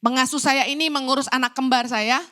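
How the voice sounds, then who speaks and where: A middle-aged woman preaching in a church, her voice high and bright. She tells her stories with animated energy, acting out what people said to her. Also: fairly quick. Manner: animated storytelling, acting out quoted lines. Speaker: evangelist preacher. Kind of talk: sermon.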